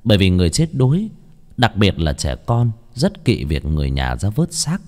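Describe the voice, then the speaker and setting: A man narrating a horror story as an audiobook in an expressive, varied delivery. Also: deep voice, moderate pace. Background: faint music.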